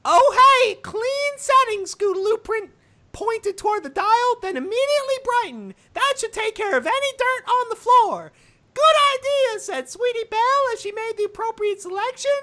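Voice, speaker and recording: A woman voicing a squeaky, cheerful cartoon mouse in a strained falsetto while reading a story aloud. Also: expressive, pushed and bright, heavily acted. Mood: squeaky, chipper. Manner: squeaky Mickey Mouse-style falsetto, slow storybook delivery. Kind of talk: comic fan fiction read-aloud.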